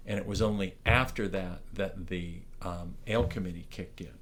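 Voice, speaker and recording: A middle-aged man from Ontario, Canada, with a deep, loud, projecting voice looks back on his years as a morris dance barker in a rambling oral history interview full of restarts and fillers. He talks at a normal speed, and there is slight background noise.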